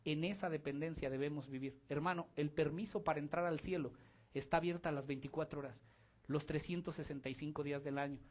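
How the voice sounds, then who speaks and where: A man with a Mexican accent delivers a sermon in church. He preaches in a lively, conversational way, speaking straight to the people in front of him as he goes. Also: a little high, fast talker. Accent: Mexican Spanish. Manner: animated, conversational, addresses the congregation directly.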